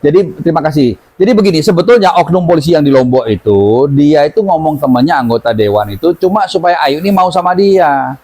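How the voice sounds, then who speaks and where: A man teaching an audience as a healing therapy instructor, telling stories lively and acting out the voices of the people in them. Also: fairly high pitch, quick pace, poor audio. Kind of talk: seminar talk to an audience.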